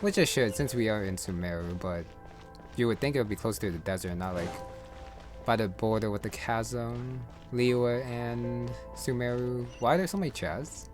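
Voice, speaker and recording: A male gaming streamer with a mid-range voice speaks at normal speed, rambling and thinking aloud as he plays. Game music runs in the background.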